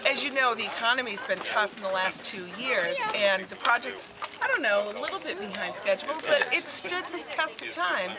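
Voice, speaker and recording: A woman in her fifties, a city official, answering interview questions in a measured, matter-of-fact way outdoors. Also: a little high, expressive, a loud crowd. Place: outdoors by a brick building. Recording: outdoor noise and nearby voices.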